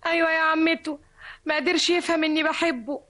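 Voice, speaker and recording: Lovesick egyptian girl, high and quick, pleading, old radio play. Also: steady tone, fairly bright tone. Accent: Egyptian Arabic. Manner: plaintive, pleading. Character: lovesick young woman, emotional and pleading. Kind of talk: vintage radio drama acting.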